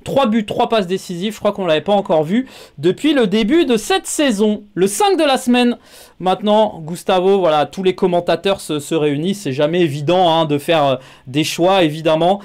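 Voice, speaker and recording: A man's voice: sits high, moderate pace, darkish tone. A man hosting a sports show, chatting casually with many filler sounds and asking his guest questions. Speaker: show host.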